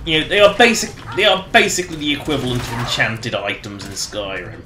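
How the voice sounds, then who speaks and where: A man's voice: mid-range voice, fairly quick, background noise. A man livestreaming a game with casual, rambling commentary. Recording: roomy echo, faint game music behind.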